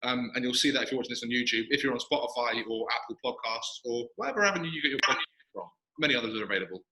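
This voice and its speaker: A man's voice: mid-range voice, expressive, background noise. A man hosting a podcast in casual chat, talking from his gym with a big hall echo around his voice. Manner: quick, chatty, self-mocking. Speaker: podcast host. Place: echoey gym, sitting in a squat rack. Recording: echoey gym room.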